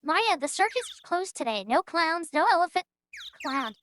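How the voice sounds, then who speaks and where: A woman voicing a stern circus gatekeeper who speaks in a flat, insistent way. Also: extremely high pitch, normal speed, faint music behind, heavily acted.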